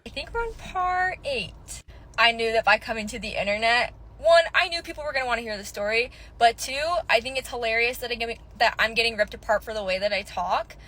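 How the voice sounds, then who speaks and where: A woman's voice: fairly high pitch, quick pace, hardly any pauses, fairly bright tone. A woman with a Utah American accent telling a personal story casually and chattily, peppering it with "like". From Utah, United States. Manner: chatty, many "like"s.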